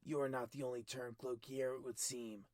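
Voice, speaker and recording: A man voicing a stern, cold middle-aged king who talks in clipped, forceful commands, higher and louder than his narration. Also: little pitch movement, moderate pace, no room sound, lightly acted. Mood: commanding.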